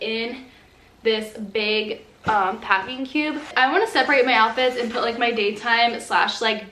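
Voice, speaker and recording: A woman's voice: a little high, fairly bright tone, a little hiss or hum. A young woman vlogging in a casual, chatty way, peppering her talk with "like", recorded at home. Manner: chatty, fills speech with "like". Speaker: lifestyle vlogger. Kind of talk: casual chat to camera. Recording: echoey room.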